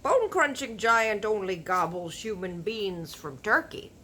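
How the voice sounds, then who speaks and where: Woman as huge indignant giant, loud and emphatic, slow drawn-out delivery, bright forceful tone, children's storybook. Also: mid-range voice, animated, a little hiss or hum. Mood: boastful, explaining. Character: huge boisterous indignant giant with mangled folksy grammar. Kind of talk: children's storybook read-aloud.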